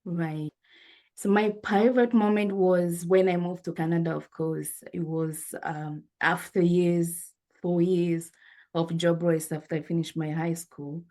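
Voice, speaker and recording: Her voice is lowish and dark with fairly even intonation. As an interview guest, this woman in her forties from Rwanda recounts her life earnestly and reflectively, filling her pauses with fillers.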